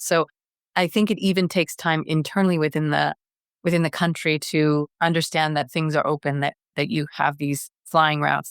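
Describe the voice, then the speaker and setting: A middle-aged Canadian woman, a wellness strategy director, speaks earnestly as a guest in a conversational interview, frequently restarting her sentences. Her voice is deep, creaky, clear and resonant. The studio-quality recording has no echo.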